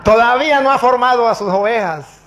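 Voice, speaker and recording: Male narrator voices a taunting evangelical pastor, smug and mocking, high-pitched. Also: lively intonation, rapid-fire, a bit bright. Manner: mocking, challenging questions.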